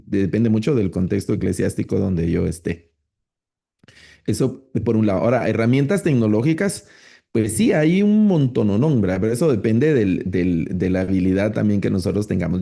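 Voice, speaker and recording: A middle-aged man, giving a relaxed, conversational online lecture on preaching with frequent rhetorical tags. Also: lowish voice, creaky. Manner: relaxed, explanatory, with many fillers and rhetorical tags. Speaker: preaching course instructor.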